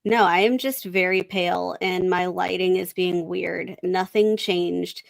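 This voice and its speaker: Gravelly woman on a crackling, distorted mic. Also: lowish voice, steady tone, unhurried, no room sound. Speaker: stream co-host. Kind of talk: casual live-stream chat. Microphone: computer mic on a live stream.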